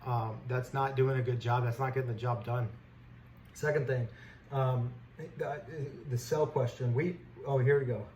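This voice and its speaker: Speaking at a moderate pace in a medium-pitched, steady, darkish voice, a man who hosts stock commentary as a trader rants bluntly and with indignation, unscripted and in everyday language. The clear recording has background noise.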